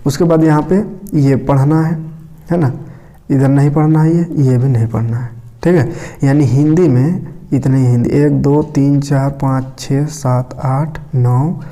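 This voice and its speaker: Speaking at a measured pace with fairly even intonation, this mellow, medium-pitched man teaches in a relaxed, chatty way. He is from Jharkhand, India, has a Jharkhand Hindi accent, and keeps asking his audience "okay" and "isn't it."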